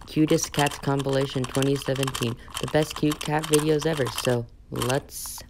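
A woman hosting a reaction video with casual, halting commentary full of short exclamations, on a home recording. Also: extremely low pitch, steady tone. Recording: noisy home recording with clicks.

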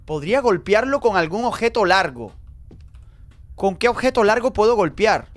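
An excitable man commentating a horror game live for his chat. His voice sits high and swings widely, from hushed nervous asides to panicked yelps. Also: normal speed. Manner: excitable, jumpy, talks to chat. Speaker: streamer.

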